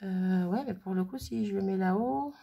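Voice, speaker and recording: A woman talking her way through a craft project, her voice gravelly with a husky edge. She chats loosely, mutters to herself and hums while she works at the table, picked up by a nearby camera mic. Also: medium pitch, moderate pace, mellow, lo-fi sound. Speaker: crafting vlogger. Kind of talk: casual thinking aloud while crafting.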